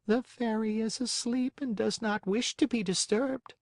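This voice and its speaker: A man voicing a slow, calm female snail in a storybook reading, speaking in a peaceful, unhurried way. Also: sits high, dry recording, pitched above the performer's own voice.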